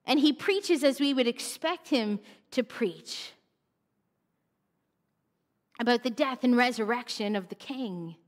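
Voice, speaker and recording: A woman preaching a sermon, telling the story with animated expression and dropping to a hush for solemn points. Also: on the high side, slow, long pauses. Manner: animated storytelling, acts out mocking voices, drops to a hush for solemn moments. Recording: long reverb of a church hall.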